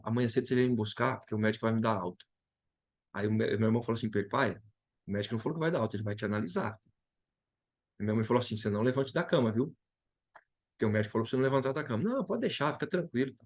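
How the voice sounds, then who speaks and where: A man's voice: on the low side, racing, pauses often. A man from Brazil sharing an emotional personal testimony as a guest, retelling dialogue and repeating key phrases.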